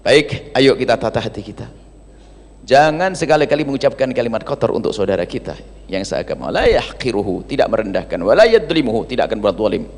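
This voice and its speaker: A male preacher giving a sermon, animated, switching between loud emphatic lines and soft, quiet asides. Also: medium pitch, quick pace. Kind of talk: religious sermon. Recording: long hall reverb.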